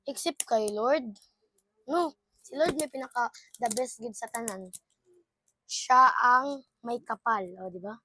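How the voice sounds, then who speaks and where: An excitable young woman talks through a casual vlog, her voice bright and high. She keeps exclaiming and switches into English as she goes. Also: slow, pauses often, a little hiss or hum. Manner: excitable, exclaiming, mixes English with local talk. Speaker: vlogger.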